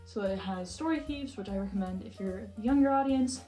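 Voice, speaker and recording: A young adult American woman vlogs while organizing books, chatting casually and ramblingly in a self-deprecating, giggly way. Her mid-range voice is warm and fairly quick, the audio is poor, and music plays in the background.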